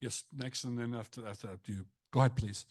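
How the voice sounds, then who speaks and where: A man's voice: medium pitch, steady tone, a little mellow, no echo, clean studio sound. A man moderating a panel, politely calling up audience questions. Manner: polite, brisk.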